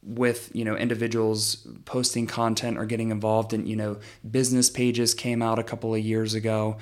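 A man's voice: fairly low pitch, completely flat delivery, normal speed. A young man, a guest explaining his social media business in casual chat, talking freely with plenty of fillers. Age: young adult. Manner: chatty, lots of fillers like "um" and "you know".

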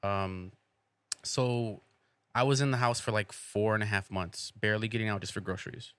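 A man's voice: on the low side, fairly even intonation, normal speed, a bit bright, clean tone, dry recording. A man chatting casually with friends in an informal, slangy way, dropping wry remarks. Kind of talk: casual chat and joking among friends.

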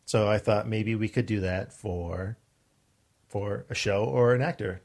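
A man's voice: lowish voice, measured pace, vocal fry, a little mellow. A man co-hosting a casual podcast chat about acting and production. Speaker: podcast co-host.

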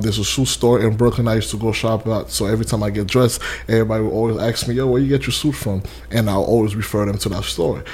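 Laid-back young man with a low voice. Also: darkish tone. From Haiti. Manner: laid-back, rambling with fillers and restarts. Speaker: interview guest, custom suit maker. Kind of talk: casual interview.

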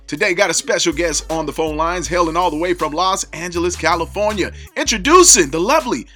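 A man's voice: high-pitched, animated, a little fast, bright, forceful tone, faint music behind. A man hosting a radio interview show, hyped up and rambling through long questions full of fillers.

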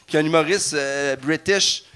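A man with a Quebec French accent, a comedian guest on a live podcast, playful and quick to laugh. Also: fairly high pitch. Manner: playful, laughs easily, bursts into loud joking. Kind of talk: casual live podcast chat. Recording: noisy live venue recording.

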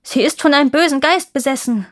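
A devoted young prince in a storybook tale, pressing and commanding, his voice pitched up and pushed louder than the telling around him, as a woman reads him aloud. The sound is close and dry. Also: normal speed, no room sound, natural voice. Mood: urgent.

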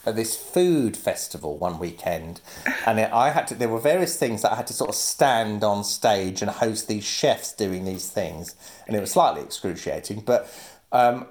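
A man's voice: on the low side, darkish tone. A man chatting as a guest, telling stories with frequent laughter and acted-out quotes. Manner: chatty storyteller, laughs often, acts out quoted voices. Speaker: guest, actor and comedian. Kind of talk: casual chat.

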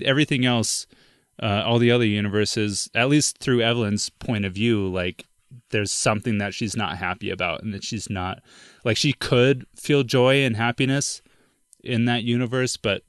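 A man's voice: lowish voice, normal speed, fairly bright tone, smooth, no echo, studio quality. A young man co-hosting a podcast, chatting casually about a film, with lots of "like" and "dude" and frequent laughs. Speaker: podcast co-host. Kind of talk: casual film discussion chat.

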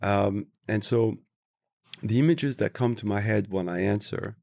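Gravelly, reflective man from Tunisia. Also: on the low side, fairly even intonation, darkish tone, no room sound, clean studio sound. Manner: thoughtful, slow, searching for words. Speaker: interview guest, travel industry professional. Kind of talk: reflective interview answers.

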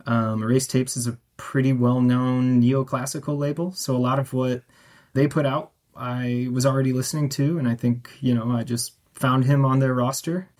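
A man talks as a guest on a radio interview about the festival he curates. He speaks thoughtfully, pausing with fillers at an ordinary pitch. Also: fairly even intonation, a little mellow. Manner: thoughtful, hesitant, many fillers.

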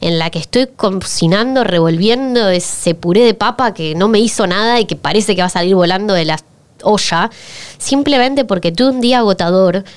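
A woman's voice: mid-range voice, moderate pace, clear, resonant tone. A woman with a Rioplatense Spanish accent, co-hosting a podcast, frank and reflective. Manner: frank, reflective, chiming in with agreement. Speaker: podcast co-host. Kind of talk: casual podcast chat.

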